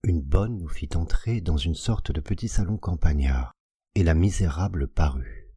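A man giving a measured, expressive scripted narration of a classic tale for an audiobook, recorded on a close mic. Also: deep voice, husky, no echo. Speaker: audiobook reader.

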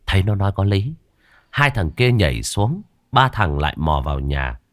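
A man narrating a horror story in a lively storytelling manner. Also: low voice, moderate pace, no echo, studio quality.

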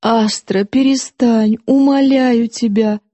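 A woman reading an audiobook, voicing a gentle, frightened young woman pleading through tears. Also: mid-range voice, moderate pace, breathy edge, dry recording, lightly acted. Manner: pleading, soft, tearful.

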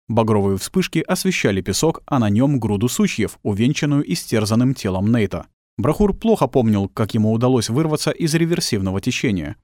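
Expressive male audiobook narrator. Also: medium pitch, no room sound. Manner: expressive, tense storytelling. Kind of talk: dramatic scripted narration. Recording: dry close studio sound.

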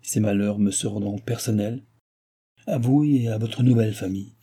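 A man's voice: fairly low pitch, moderate pace, dark tone, husky. A man reading aloud, voicing a proud, imperious young princess in a raised voice. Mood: questioning. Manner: haughty, commanding.

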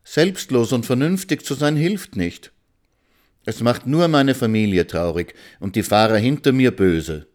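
A man's voice: medium pitch, lively intonation, unhurried, darkish tone, pitched above the performer's own voice, close to an everyday voice. A man voicing a whining, despairing woman in a storybook reading, in a raised voice. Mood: bitter. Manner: whining, plaintive.

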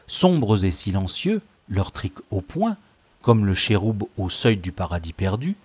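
A man narrates a classic novel in a slow, measured way, with his pitch rising and falling a lot. The recording is close and dry, with no room sound. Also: slightly rough, no echo. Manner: measured, expressive. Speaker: audiobook narrator. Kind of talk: scripted narration.

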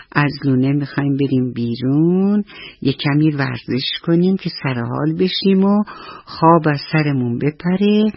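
A woman voicing a caring but fussy mother hen in a children's radio story, with a husky voice on a dull, dry radio recording. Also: low voice, no echo, full character voice.

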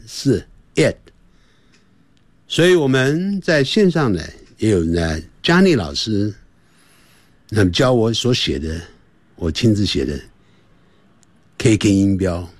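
A man giving a radio English lesson, repeating short phrases over and over and slowing right down to model the sounds. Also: mid-range voice, no room sound. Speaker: English teacher.

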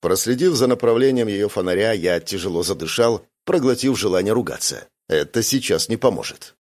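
A man reading first-person science fiction narration in an even, steady storytelling voice. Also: on the low side, a little fast. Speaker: audiobook reader.

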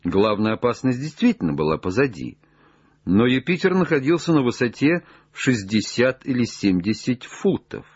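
A man reading an audiobook aloud in an expressive, dramatic style. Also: medium pitch, moderate pace, breathy edge, dry recording, muffled recording. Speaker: audiobook narrator.

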